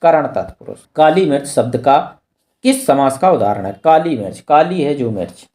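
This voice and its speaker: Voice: mid-range voice, lively intonation, normal speed, a little mellow. A grammar teacher working through an exam practice lesson, asking questions and answering them, repeating key terms.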